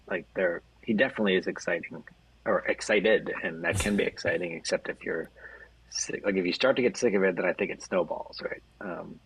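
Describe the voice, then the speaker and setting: A man co-hosting a casual sports podcast, speaking in a thoughtful, hedging, soft-spoken way. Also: sits low, slightly rough, dry recording. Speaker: podcast co-host. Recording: dull lo-fi mic.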